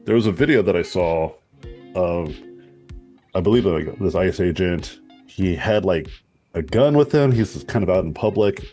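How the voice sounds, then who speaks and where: Man, lowish voice, rambling and reflective, casual swearing, faint music underneath. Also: expressive, normal speed, mellow. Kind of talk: casual group discussion.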